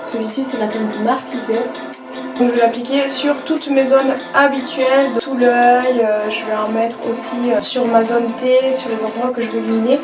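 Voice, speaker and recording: Brief: woman beauty vlogger, high bright voice, chatty step-by-step talk, roomy echo. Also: steady tone, normal speed, music in the background. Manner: chatty, explains each step with fillers. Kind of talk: casual makeup tutorial narration.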